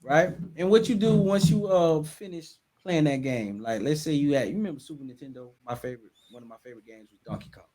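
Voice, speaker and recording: A man's voice: a little high, animated, fast, few pauses, mellow. A man guesting on a podcast over a remote mic, talking in an emphatic, slangy way while his audio keeps cutting in and out from a faulty mic cable. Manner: emphatic and slangy, drives points home with questions. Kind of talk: casual chat. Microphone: remote call mic.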